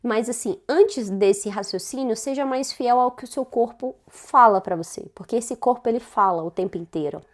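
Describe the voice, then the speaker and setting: A woman's voice: fairly high pitch, normal speed, few pauses. A woman with a Brazilian Portuguese accent giving casual self-development advice, talking conversationally and often tagging her sentences with questions. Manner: conversational, frequent tag questions.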